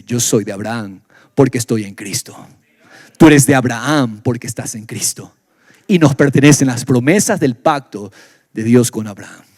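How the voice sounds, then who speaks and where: A pastor from Ecuador preaches a sermon in church in Ecuadorian Spanish, swinging between loud exclamations and low, quiet stretches. The recording is dry with clean studio sound.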